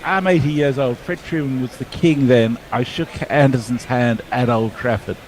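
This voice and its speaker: A man's voice: medium pitch, moderate pace, darkish tone, a little hiss or hum. A man co-commentating on cricket, reading listener messages in a dry, wry way. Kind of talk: casual commentary chat.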